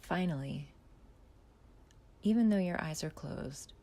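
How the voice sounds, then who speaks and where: A woman acting as a mindfulness guide talks through a body scan in a soft, unhurried voice that's low-pitched with gravelly fry and often fades to a near whisper. She leaves long silences between her gentle instructions.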